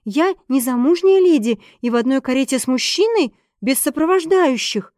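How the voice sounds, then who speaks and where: A woman's voice: sits high, lively intonation, normal speed, darkish tone, no room sound, studio quality, voice pushed up. A woman voicing a proud, defiant young unmarried noblewoman who answers back haughtily. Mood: indignant. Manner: haughty, bold retorts.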